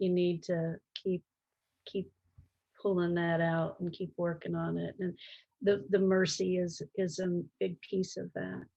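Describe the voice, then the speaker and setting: A middle-aged or older woman speaking in a calm, gentle, reflective way in an interview, halting as she searches for words. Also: on the low side, vocal fry, dull audio. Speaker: interview guest.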